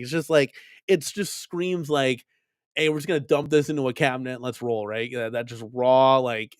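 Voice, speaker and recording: A fairly high-voiced man talks casually into a dry, close mic, rambling as he hosts a live stream about home arcade machines. He keeps repeating himself and tags on "right?" and "like" as he thinks out loud. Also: dry recording. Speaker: arcade collector vlog host.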